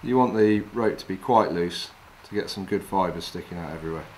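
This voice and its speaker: A middle-aged Englishman calmly and practically demonstrates fly tying step by step, talking as he works with his hands. His fairly low voice moves a little fast. Recorded roughly inside a wooden lodge, there's a faint hum of room ambience.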